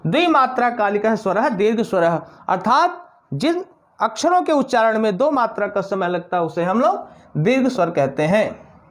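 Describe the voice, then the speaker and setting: A woman's voice: medium pitch, animated. A woman teaching a Sanskrit lesson for exam preparation, reading definitions and then explaining them again in Hindi, sounding out each vowel with care. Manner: slow, deliberate dictation of vowel sounds. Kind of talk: slow online exam-prep lesson.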